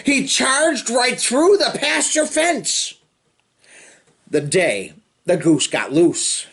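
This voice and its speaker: In an animated storybook read-aloud, a man's voice rises and falls dramatically in a sing-song way as he moves through a picture book at a very slow pace. He draws phrases out and pauses for casual comments aimed at the child listening.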